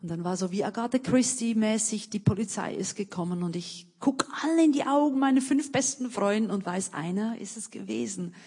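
A woman's voice: mid-range voice, expressive, fairly quick, few pauses, a little mellow, slightly rough, big-room sound. A woman being interviewed, telling her own story earnestly with many restarts. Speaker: missionary and author, interview guest.

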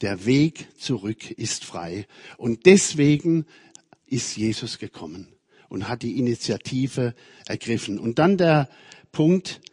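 A man preaching a sermon, moving between loud emphatic passages and very soft, quiet phrases. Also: mid-range voice, sing-song, slow pace, breathy edge, no room sound, clean studio sound. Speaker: preacher, member of a religious community.

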